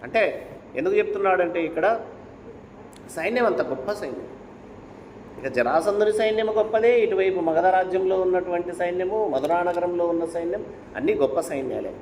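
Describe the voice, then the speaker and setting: High-voiced man preaching in an echoey hall. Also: creaky, slight background noise. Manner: rhetorical questions, urging and preachy. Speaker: spiritual speaker. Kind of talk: devotional discourse and storytelling. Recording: echoey hall with faint ambience.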